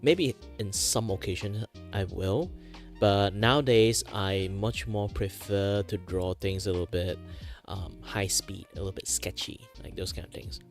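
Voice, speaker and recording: A man's voice: low-pitched, unhurried. A man hosting a livestream in casual chat, rambling and hesitant with a self-deprecating manner. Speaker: livestream host, virtual streamer. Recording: music playing behind the voice. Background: background music with guitar.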